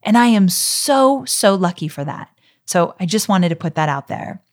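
Addressing her audience directly, a middle-aged podcast host gives a solo teaching talk that is warm and encouraging. Her voice is on the low side, animated, and moderately paced.

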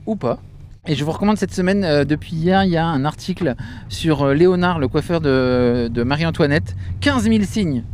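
Chatty Frenchman enthusing about fashion. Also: fairly high pitch. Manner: lively and chatty, many fillers and restarts. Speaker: podcast co-host. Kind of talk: casual chat about fashion shows.

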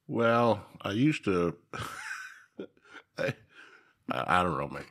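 An older man from Minnesota, a guest telling a story in a casual, animated way, laughing as he goes. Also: low voice, extremely slow.

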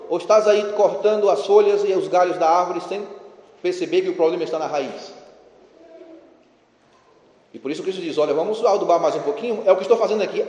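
A man's voice: high-pitched, darkish tone, lo-fi sound. A priest giving a sermon in a conversational, ironic way, urging his congregation. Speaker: parish priest. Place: church. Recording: echoey church with long reverb.

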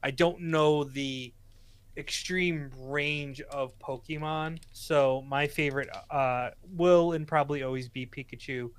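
Boston-accented male co-host, smooth and dry, loose rambling delivery. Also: on the high side, fairly even intonation, measured pace, dry recording. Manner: rambling, promotional, self-correcting. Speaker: podcast co-host. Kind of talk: casual podcast chat.

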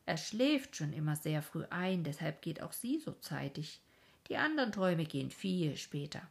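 A woman's voice: deep voice, very animated, normal speed, vocal fry, slightly rough, full character voice. Woman reading as the kindly old King of Dreams.

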